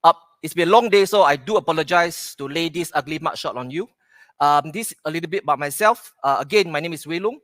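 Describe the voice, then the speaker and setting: A middle-aged man from Singapore with a Singaporean English accent, giving a keynote at a conference, pausing with "okay" between points. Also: a little high, a bit bright, no room sound. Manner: plain, repeats "okay" to pace points. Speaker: conference speaker. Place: conference hall stage.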